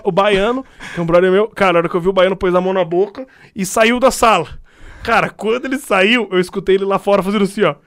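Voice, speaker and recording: A high-pitched man, recorded dry and close. He jokes his way through the story in slangy casual chat. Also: fairly bright tone, no echo.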